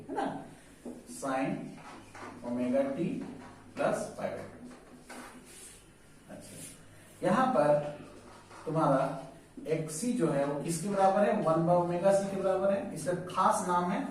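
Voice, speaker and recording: A man teaching physics, repeating key terms and quizzing his students. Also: high voice. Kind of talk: whiteboard lecture. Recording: echoey room, voice from far off.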